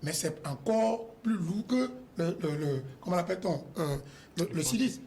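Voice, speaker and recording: A man's voice: high voice, expressive, moderate pace, darkish tone, a little hiss or hum. A man speaking as a guest on a TV panel, hesitating and searching for words. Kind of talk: TV panel discussion.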